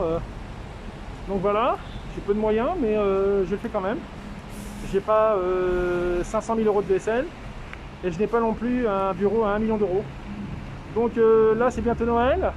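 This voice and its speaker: A man speaking through a face mask, slightly muffled, giving an informal, halting video update with drawn-out hesitations. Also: sits high. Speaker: street medic caring for a homeless man. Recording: noisy outdoor street with traffic.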